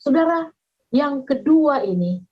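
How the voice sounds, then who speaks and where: High-voiced woman pastor preaching. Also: measured pace. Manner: animated storytelling, acts out voices in her stories. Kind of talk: sermon. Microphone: video call. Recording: dull lo-fi video call audio.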